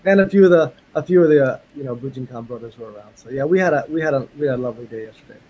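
A man's voice: mid-range voice, rapid-fire, dark tone, muffled recording. A man giving a casual, chatty interview as a guest, often repeating words for emphasis. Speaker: interview guest, martial arts instructor. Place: remote call from Japan. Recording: clear ambient background noise.

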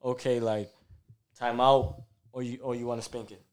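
A man's voice: mid-range voice, flat delivery, moderate pace, darkish tone, smooth. A man who is a guest on a podcast, laid-back and explaining his views at length in casual chat. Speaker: guest photographer.

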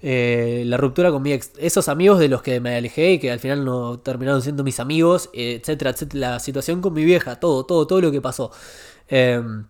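A man's voice: mid-range voice, brisk, darkish tone. A young man with a Rioplatense Spanish accent, a podcast guest telling a personal story in a confessional way, repeating words for emphasis.

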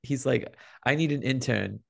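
A man co-hosting a podcast, telling gossipy stories in an animated, casual way. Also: medium pitch, moderate pace, creaky. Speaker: podcast co-host.

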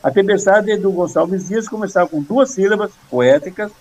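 An older man in casual conversation, earnestly explaining poetry and reciting verse with a steady rhythm. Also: sits high, moderate pace, rough recording. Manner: earnest, rhythmic when reciting, many restarts. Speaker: poet guest.

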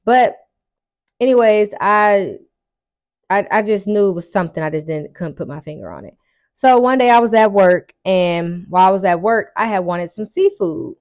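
Her voice is mid-range and darkish, animated, at a moderate pace. Addressing her audience, she shares a story from her own life in loose, everyday speech, performing the dialogue and drawing out important words to make them land.

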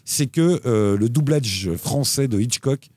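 A man co-hosting a casual chat show about TV and streaming picks, talking in an animated way with lively jumps in pitch. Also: slow pace, no echo. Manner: animated, lively pitch swings, frequent restarts. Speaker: co-host recommending TV shows.

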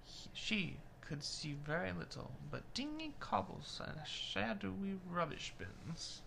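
Someone reading a romance novel aloud at a steady pace, with the occasional remark about the text. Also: mid-range voice, unhurried, gravelly, a little hiss or hum, low-quality recording.

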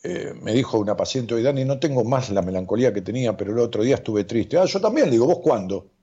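Con voz ronca y oscura de tono medio, este hombre rioplatense habla rápido mientras, como psicólogo, lee comentarios en su directo. Su charla es animada y dispersa, con chistes y muchas muletillas, y el sonido del stream llega apagado y de baja calidad.

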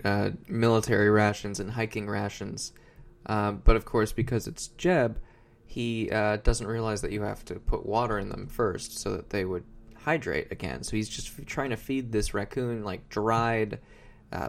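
A man's voice: fairly low pitch, fairly even intonation, moderate pace, vocal fry. A man co-hosting a podcast who recaps a show in casual, rambling chat with many fillers. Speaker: podcast co-host.

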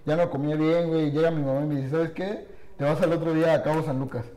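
A man's voice: fairly high pitch, fairly even intonation, fast talker, dark tone, echoey room, low-quality recording. A young man with a Mexican accent telling a breakup story in slangy, laughing casual chat with friends. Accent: Mexican Spanish. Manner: slangy, laughs often, tells stories. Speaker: podcast co-host.

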